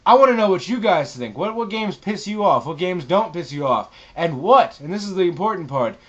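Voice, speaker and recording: A man's voice: high voice, expressive, fairly quick, fairly bright tone. A man hosting a gaming channel, talking casually to viewers with emphatic showmanship and frequent swearing. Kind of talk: casual vlog monologue to viewers. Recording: dull, lo-fi sound.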